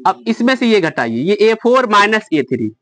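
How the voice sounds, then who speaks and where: A man's voice: high voice, very animated, moderate pace, a bit bright. A man teaching a math lesson to a class, explaining step by step and quizzing his students.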